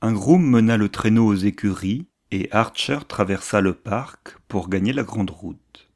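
A man reads a classic novel aloud with measured, literary pacing. His voice sits low, and his narration is steady and composed throughout. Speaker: audiobook narrator.

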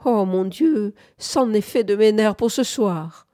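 A woman's voice: medium pitch, animated, normal speed, dark tone, no echo, clean studio sound, pitched above the performer's own voice, lightly acted. A woman reading aloud, voicing a nervous, fretful young woman in a plaintive, whining tone.

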